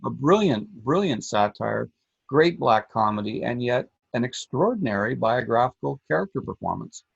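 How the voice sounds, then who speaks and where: A middle-aged man co-hosting a film podcast, telling stories in a measured, reflective way. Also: medium pitch, animated, vocal fry, husky, no room sound. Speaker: podcast co-host, film critic. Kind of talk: casual film talk. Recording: dull lo-fi sound.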